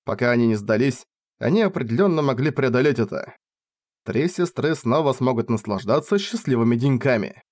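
A man's voice: medium pitch, animated, brisk, darkish tone, dry recording, clean studio sound. A man reading a fantasy novel aloud as an audiobook narrator, telling the story expressively.

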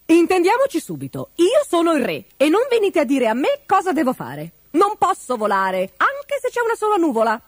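A woman's voice: very high-pitched, wildly swooping pitch, moderate pace, few pauses, a bit bright, no room sound, clean studio sound, voice pushed up, exaggerated voice. A woman voicing a pompous, boastful male ostrich king in a storybook reading, blustering through excuses.

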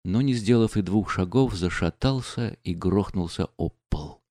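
Low, dark-voiced male narrator. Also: no echo, clean studio sound. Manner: measured, dramatic reading. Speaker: audiobook narrator. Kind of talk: classic novel narration.

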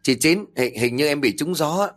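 A man voicing a sharp-tongued middle-aged woman shopkeeper who turns shrill and stammering when frightened. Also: expressive, moderate pace. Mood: terrified.

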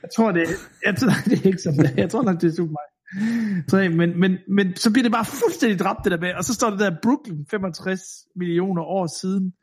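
Casting: male podcast co-host from Denmark, higher voice, loose film banter. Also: a little hiss or hum. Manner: laughing, mimics accents. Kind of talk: casual film chat.

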